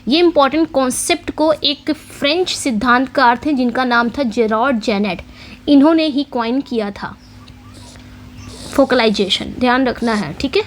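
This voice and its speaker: A woman's voice: sits high, a little hiss or hum. A woman teaching English literature for exam preparation, explaining in Hindi mixed with English terms, often asking quiz questions and repeating the key points. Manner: reads English question text slowly. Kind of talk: exam-prep lecture.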